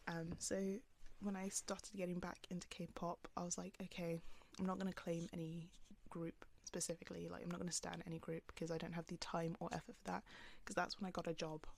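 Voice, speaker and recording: A young woman vlogs casually to a camera pointed at her, her soft, calm voice lowish with some vocal fry. She talks fairly quickly and rambles, packing in fillers and lots of "like"s, over a slight hiss or hum.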